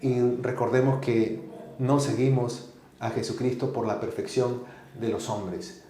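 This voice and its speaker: A man from Peru telling a personal faith story as a guest, animated and acting out the voices of the people in it. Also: mid-range voice, measured pace, echoey room. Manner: animated, acts out quoted voices. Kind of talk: storytelling testimony.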